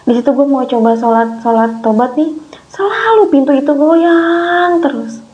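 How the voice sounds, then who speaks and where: A woman's voice: high voice, moderate pace, slight background noise. A woman emotionally retelling a frightening experience in casual slang. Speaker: guest telling her experience. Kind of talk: casual storytelling. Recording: dull lo-fi sound with faint music.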